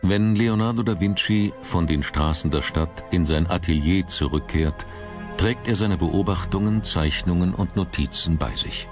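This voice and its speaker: A very deep-voiced man narrates a documentary in a scripted, measured style designed for dramatic storytelling, with music clearly audible behind him.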